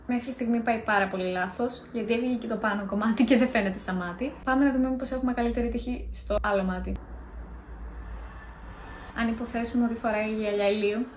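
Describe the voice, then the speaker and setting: A woman's voice: on the high side, reverberant, slight background noise. A young woman in a casual vlog, chatty and self-mocking as she tells scary stories. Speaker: vlogger.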